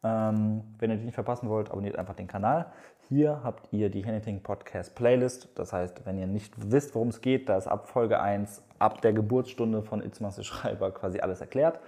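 A young man co-hosting a podcast, chatting in a relaxed way and wrapping up the episode. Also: on the low side, normal speed, hardly any pauses. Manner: relaxed, chiming in with short agreements. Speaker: podcast co-host. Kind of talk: casual chat.

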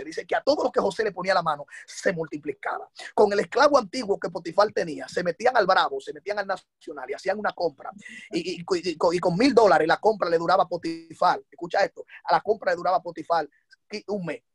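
Fast husky preacher man. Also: sits high, dry recording. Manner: fast, dramatic storytelling with acted dialogue. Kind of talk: sermon.

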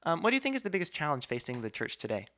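A man's voice: fairly high pitch, huge pitch swings, very fast, pushed and bright. A man hosting a casual podcast conversation, talkative and argumentative, with many asides. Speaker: podcast host.

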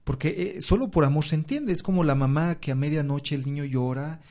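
A man tells of his faith in a reflective, devout way. His voice is dark and mellow, and he pauses often on soft fillers. When he quotes people, his pitch jumps up to act them out. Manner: acts out quoted speech with raised pitch. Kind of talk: personal religious testimony in conversation.

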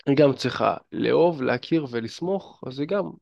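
A man talks straight to the listener in a casual, filler-heavy coaching monologue about dating and fitness. His voice has a gravelly edge, and the recording sounds dull and dry, with little room sound. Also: medium pitch, lively intonation, a little mellow, dry recording. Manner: chatty, addresses listener directly, many fillers. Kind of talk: casual advice monologue to camera.

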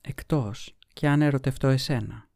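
A man voicing a languid, secretive young noblewoman in a storybook reading, with soft, sighing delivery. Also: mid-range voice, vocal fry, dry recording, studio quality, close to an everyday voice. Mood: tender.

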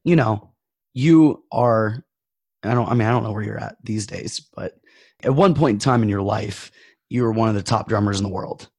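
Guy hosting a podcast, croaky and nasally from a cold, joking around. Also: fairly low pitch, normal speed, a little mellow, no echo, clean studio sound. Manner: joking, upbeat, powering through. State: hoarse from a cough, nasal. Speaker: podcast co-host. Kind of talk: casual podcast chat.

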